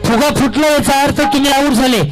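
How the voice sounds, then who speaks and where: High-voiced playful man emceeing a game. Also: steady tone, fast, poor audio. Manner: playful, teasing, repeats instructions. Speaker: event host running a balloon game. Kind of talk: lively crowd emcee patter. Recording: music loud behind PA voice.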